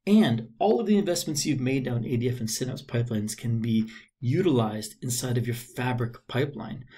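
A man presenting a software feature in a screencast walkthrough, upbeat and informal with the odd filler. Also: mid-range voice, brisk, husky. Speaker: product demo presenter. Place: voice-over on screen recording.

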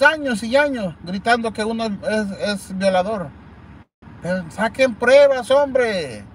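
Higher-voiced guy on a livestream, slow and blunt, kinda scornful and crude. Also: a little hiss or hum. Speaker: livestream host. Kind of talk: casual live-stream talk.

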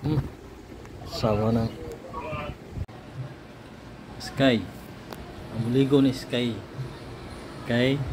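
A man, talking slowly and coaxingly in sing-song baby talk to his pet dogs. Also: medium pitch, steady tone, noisy background. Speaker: vlogger. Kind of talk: casual chat to pet dogs.

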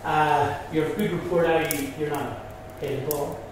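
Belfast man, emphatic guide, slightly higher voice, echoey far-off recording. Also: steady tone, normal speed. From Northern Ireland. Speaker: Freemason guide. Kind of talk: casual explanatory chat. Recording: echoey hall from far off, with background noise.

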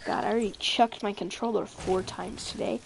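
A woman's voice: mid-range voice, fairly even intonation, fairly quick, vocal fry, a little hiss or hum, low-quality recording. A woman in casual gaming voice chat on a headset, swearing and complaining in exasperated trash talk. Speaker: gamer.

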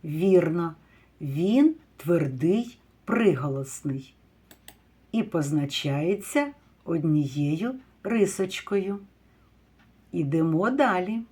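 A kindergarten teacher leads a phonics lesson for young children, sounding out words slowly and asking questions. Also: female voice, on the low side, animated, warm tone, slightly rough. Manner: slow, drawn-out word sounding with praise and questions.

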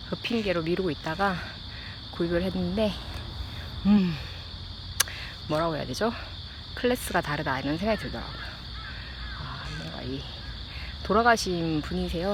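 Out on an early-dawn run, the host of a running-and-chat audio diary talks casually and reflectively in a lowish voice, breathing audibly. She thinks aloud, pausing to ask herself how to put things, while crickets and other insects chirp in the outdoor background noise.

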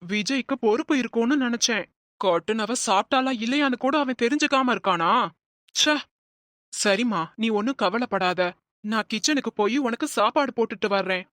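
A woman voicing a kind middle-aged man in a cartoon, speaking with gentle concern and mild scolding. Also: fairly high pitch, normal speed, dry recording, clean studio sound, natural voice. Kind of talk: cartoon voice acting.

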